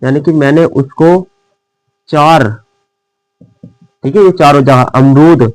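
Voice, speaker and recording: In a slow, steady voice on the high side, a man teaches shorthand as if in a classroom, with no echo but poor audio throughout. He keeps quizzing, supplying the answers himself, and warmly refers to his pupils as "dear children."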